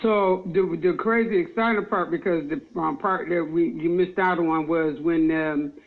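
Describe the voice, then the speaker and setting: Higher-voiced male talk show host. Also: fairly even intonation, normal speed. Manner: easygoing, laughs along, fillers. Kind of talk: casual interview chat. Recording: dull lo-fi audio.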